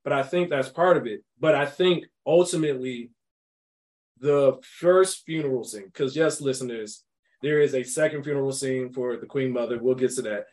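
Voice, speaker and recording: A young man hosting a casual podcast about a movie, talking in an animated, emphatic way and laughing often. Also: medium pitch, normal speed. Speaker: podcast host.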